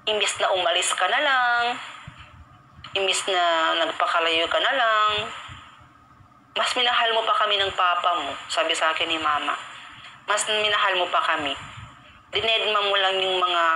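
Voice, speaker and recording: A man's voice: high voice, moderate pace, pauses often, sharp tone, a little hiss or hum, poor audio. Emotional man telling a personal story. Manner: emotional, repetitive, mixes in English filler words. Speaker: live stream host. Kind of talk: casual live-stream storytelling.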